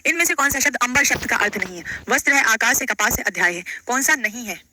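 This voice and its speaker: Fast-talking with lively intonation, a woman whose slightly high voice sounds bright and forceful runs a live online Hindi grammar exam lesson question by question, repeating phrases, checking in and using casual endearments. The recording is rough, with a little hiss or hum.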